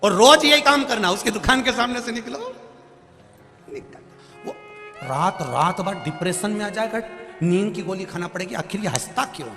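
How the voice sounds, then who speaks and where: A male preacher tells devotional stories to a gathering and acts out each character's voice as he goes. His voice sits fairly high and sounds bright and forceful. It rings through a reverberant hall over faint music. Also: expressive, moderate pace. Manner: storytelling, acting out quoted voices with wide pitch swings.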